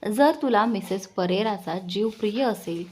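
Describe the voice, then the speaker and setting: A woman's voice: mid-range voice, a little slow, darkish tone, breathy edge. A woman voicing a harsh, mocking male kidnapper in an audio story, threatening in tone. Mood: menacing.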